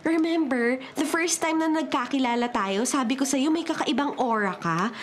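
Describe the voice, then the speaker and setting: In a radio drama, a Filipino woman voices a friendly, gossipy office co-worker who can sense spirits, chatting breezily and sprinkling in English slang. Her voice is high-pitched and natural, moving at a moderate pace with a chatty, curious mood.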